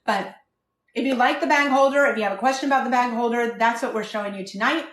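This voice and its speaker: A woman's voice: on the high side, fast talker, fairly bright tone, echoey room, distant mic. A woman hosting a live cooking stream from her kitchen, chatting casually and rambling from one tangent to the next. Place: home kitchen.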